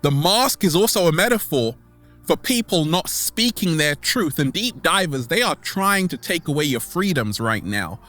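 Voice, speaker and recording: Soft music plays behind this vlog host, whose voice sits on the high side, very animated and fairly bright. His motivational talk to online followers is theatrical and playful, full of repeated catchphrases and stretched-out words for emphasis.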